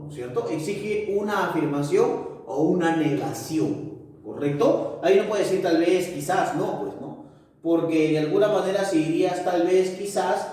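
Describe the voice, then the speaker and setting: A man with a high voice teaches a lesson, explaining patiently and checking in with his listeners as he goes. He sits well back from the microphone, and a strong echo from the room hangs on every word. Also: a little mellow. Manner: explanatory, repeats "¿no es cierto?" and "ahí está". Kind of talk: recorded class lesson. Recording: very echoey room, far from mic.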